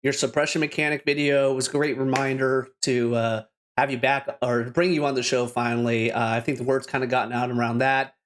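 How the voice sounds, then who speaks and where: A man's voice: mid-range voice, flat delivery, fairly quick, a bit bright. A man from Canada hosting a casual gaming podcast, upbeat and laughing often, with loose restarts. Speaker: podcast host.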